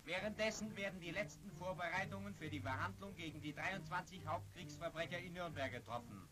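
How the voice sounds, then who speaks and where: A man delivers old newsreel narration in a high-pitched voice, formal and declamatory. The soundtrack is vintage 1940s film audio, with loud music running behind him. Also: brisk, low-quality recording.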